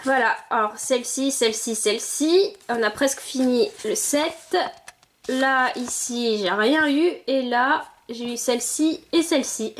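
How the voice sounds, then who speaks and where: A young woman vlogger with a fairly high, slightly slow voice chats casually while unboxing collectible figurines. She opens and sniffs each one, thinking aloud and letting out little exclamations.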